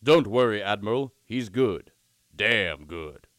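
A man playing a deadpan first officer. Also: lowish voice, slow pace, no room sound. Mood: smug. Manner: dry, deadpan. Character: smug laid-back male first officer. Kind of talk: radio comedy sketch acting.

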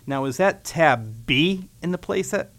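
A man's voice: on the high side, lively intonation, unhurried, a bit bright. A man voicing a nervous, fussy male junior engineer who fusses over details. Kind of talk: radio comedy sketch acting.

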